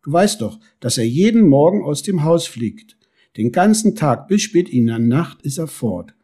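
A man's voice: a little high, very animated, measured pace, mellow. A man doing a scolding mother beetle. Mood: lecturing. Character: scolding mother beetle, strict but soft-hearted. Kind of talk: storybook reading.

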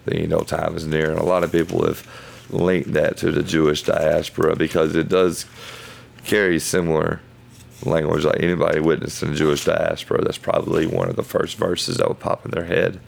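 A man hosts a casual Bible study podcast, talking through scripture in an extremely deep, heavily gravelly voice. His delivery is flat and halting as he thinks aloud in loose phrases, and he sounds hoarse, as if his voice is going.

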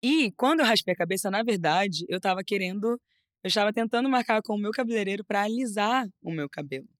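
A young adult woman from Rio de Janeiro with a Carioca accent, chatting lively as a guest, laughing often and restarting her phrases. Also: medium pitch, fast, no echo, studio quality. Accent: Carioca Brazilian Portuguese. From Rio de Janeiro, Brazil. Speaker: guest model. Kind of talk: casual interview chat.

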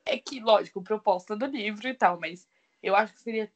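A woman co-hosting a podcast in casual chat, animated and expressive, acting out characters' lines as she talks. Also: medium pitch, a little fast, muffled recording. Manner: animated, acts out character dialogue in quoted voices; expressive, frequent laughs and exclamations. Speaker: podcast co-host reviewing books.

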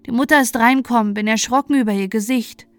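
A woman's voice: fairly high pitch, fast, no echo, faint music behind, lightly acted. A woman voicing a cheeky little peasant boy who chatters boastfully in dialect. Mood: chirpy.

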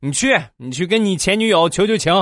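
A man's voice: high-pitched, expressive, fast talker, a bit bright, no echo, studio quality, voice pushed up. A man voicing a bossy wife who insists and nags in a comedy routine. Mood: insistent. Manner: insistent, nagging.

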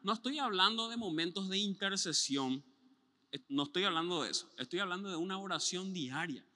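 A man's voice: high voice, animated, brisk, pushed and bright, in a large hall. A man preaching a sermon as pastor, telling stories animatedly, imitating sounds and voices.

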